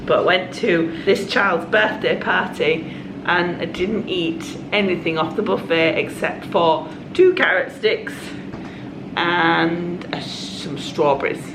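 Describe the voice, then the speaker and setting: In an echoey, noisy room, a woman vlogger talks casually, her voice low and hoarse from a cold. She comes across as chatty and confiding, with quick asides along the way.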